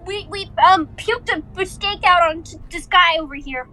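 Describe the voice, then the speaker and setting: A woman playing a tabletop game, excitable and teasing, throwing out loud quips. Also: extremely high pitch, normal speed, soft background music. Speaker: player. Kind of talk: casual tabletop role-play.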